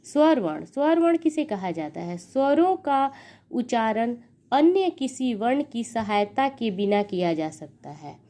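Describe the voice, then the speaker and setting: A woman's voice: on the high side, big pitch swings, measured pace, dark tone. A young woman teaching a grammar lesson, spelling words sound by sound and counting each sound aloud. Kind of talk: slow explanatory grammar lesson.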